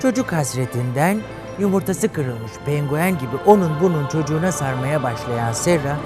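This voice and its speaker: Hosting a comedy show in a TV studio, a man tells a bawdy fairy tale to a live audience in a campy, flamboyant way, with laughter and music behind him. His voice is on the high side and animated, at a normal speed.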